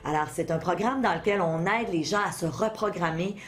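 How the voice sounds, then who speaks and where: A woman's voice: on the low side, a little fast. A middle-aged woman with a Quebec French accent, explaining self-help ideas conversationally as an interview guest, teaching through questions and examples. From Quebec, Canada. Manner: didactic, addresses listeners with questions and examples. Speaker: interview guest, motivational speaker and author.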